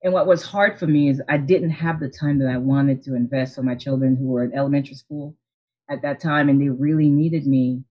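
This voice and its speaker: A woman's voice: rumbling low, steady tone, fairly quick, highs cut off. A woman in her forties from Haiti, an optometrist, telling her story in an earnest, reflective way over a video call. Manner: earnest, reflective, with frequent restarts and soft laughs. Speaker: optometrist and practice owner, guest. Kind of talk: casual interview storytelling.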